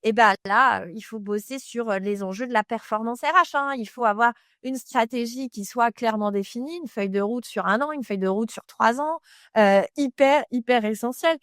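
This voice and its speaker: A woman walks the listener through employer branding in a casual, direct voice that sits a bit high. She speaks to the listener as "tu", peppering her points with fillers. The sound is dry and close, with no room around it. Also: moderate pace, a bit bright, no room sound. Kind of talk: casual expert explainer.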